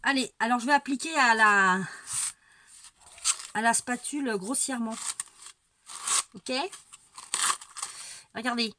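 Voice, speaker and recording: Stuffy-nosed with a cold, an amateur painter talks through a casual painting demonstration at home, showing her technique. Her voice is on the high side, slow and paused often, hesitant and rambling with repeated words and wry asides. The home recording has clear background noise and a dog barking now and then.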